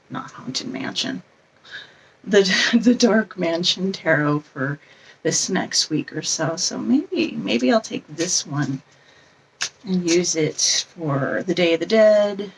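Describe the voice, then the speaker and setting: A woman's voice: lowish voice, gravelly, slightly rough, recorded from a distance, rough recording. A woman chatting casually as a tarot vlogger, meandering and often correcting herself as she shows things off. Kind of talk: casual show-and-tell chat.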